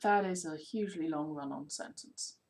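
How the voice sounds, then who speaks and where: A woman's voice: sits low, normal speed, darkish tone. A woman chatting playfully and casually on her live stream.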